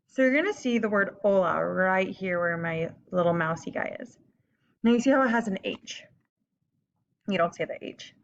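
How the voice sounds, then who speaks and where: A woman teaching a recorded online lesson in a casual, upbeat way, slowing down to model words for students to repeat. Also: mid-range voice. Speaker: Spanish teacher. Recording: slightly dull lo-fi audio.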